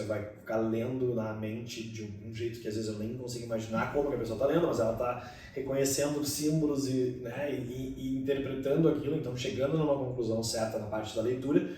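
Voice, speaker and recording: An English pronunciation teacher with a mid-range, slightly mellow voice chats casually and quickly, often tagging his sentences with questions. He's recorded from a distance in an echoey room.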